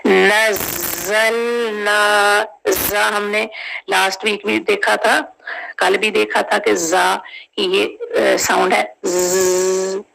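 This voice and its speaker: A woman teaches tajweed at a very unhurried pace, stretching each syllable out. Her voice carries a gravelly, fry-tinged texture. She explains step by step and keeps asking her listeners to confirm. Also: mid-range voice, fairly bright tone, a little hiss or hum, poor audio. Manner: drawn-out syllables, patient step-by-step explanation with frequent check questions. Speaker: Quran recitation teacher. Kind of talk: tajweed lesson, slow spelled-out recitation.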